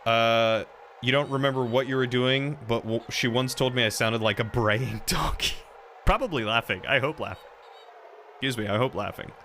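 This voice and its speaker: A man's voice: mid-range voice, moderate pace, a little hiss or hum. A young man casually chatting with viewers and reading their messages while streaming a video game. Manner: relaxed, chatty, reading chat aloud. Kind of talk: casual let's-play chat. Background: game music.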